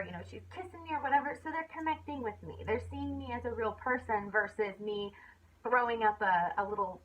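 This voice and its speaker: A young woman talks through a casual sales training, filling her sentences with ums and you-knows and now and then acting out bubbly messages. Her voice sits a little high. The recording is dull and lo-fi. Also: slight background noise. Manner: chatty, filler-heavy, acts out upbeat quoted messages.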